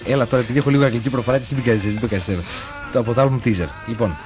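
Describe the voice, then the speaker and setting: A man speaking as a guest on a music radio show, his voice sitting at a middle pitch. He jokes dryly and sounds easygoing. Soft music runs in the background. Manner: laid-back, dry humor. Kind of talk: casual on-air banter. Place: radio studio.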